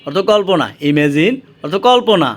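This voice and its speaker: A man with a Bangladeshi accent teaching English vocabulary, saying each word slowly and repeating it with its meaning. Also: fairly high pitch, animated.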